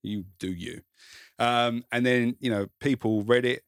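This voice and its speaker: A man's voice: mid-range voice, measured pace, clean tone, no echo, clean studio sound. A man from Kent with a south-east English, Essex-like accent, talking casually and modestly about himself as an interview guest. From Kent, England. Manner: self-deprecating, informal, swears. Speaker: podcast guest, content creator and author. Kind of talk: casual conversation, personal storytelling.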